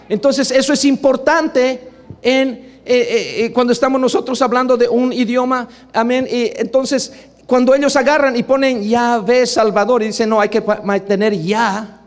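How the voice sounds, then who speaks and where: A man preaching a sermon to a congregation, emphatic, asking for agreement and swinging between low asides and loud exclamations. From Latin America.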